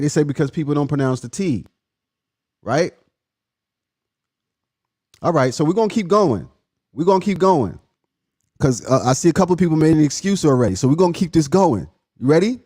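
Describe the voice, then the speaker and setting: A man's voice: on the high side, husky. A man hosting a casual live stream, playfully quizzing his viewers and laughing often as he talks. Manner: playful, teasing, questioning the audience; laughs often, swings from loud to hushed.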